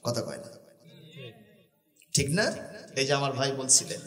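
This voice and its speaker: A man preaching a sermon to a gathering, shouting and chanting verses and calling on the crowd to respond. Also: medium pitch, sing-song, moderate pace. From Bangladesh. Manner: swings between shouting and singing verses, prods crowd for responses. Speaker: Islamic preacher. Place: outdoor religious gathering. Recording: echoey loudspeaker, far from mic.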